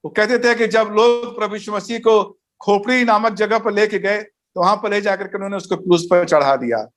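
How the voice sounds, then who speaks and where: High-voiced pastor teaching Bible study. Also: male voice, normal speed, a bit bright. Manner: didactic, enumerates points, tells jokes and anecdotes. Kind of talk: recorded teaching session.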